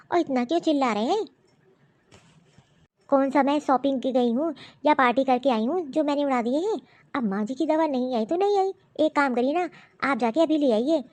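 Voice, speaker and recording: A woman voicing a stubborn, defensive wife in an animated story, arguing back defiantly. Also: high-pitched, lightly acted. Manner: defiant and argumentative. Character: defensive young wife and mother, lying and stubborn.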